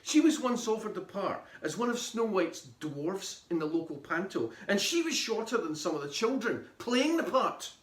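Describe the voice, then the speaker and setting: A man reading his children's book aloud in an animated, playful way. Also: sits high, moderate pace, hardly any pauses, reverberant.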